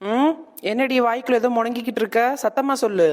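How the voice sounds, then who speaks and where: A woman's voice: fairly high pitch, fast talker, heavy background noise, natural voice. A woman playing a bossy mother-in-law. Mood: scolding. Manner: scolding, domineering. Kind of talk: comic short skit acting.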